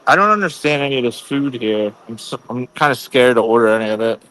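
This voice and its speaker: A hesitant man talks in a casual group video chat. He sounds unsure and uses many fillers. His voice is bright and tense. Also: medium pitch, fast talker, low-quality recording.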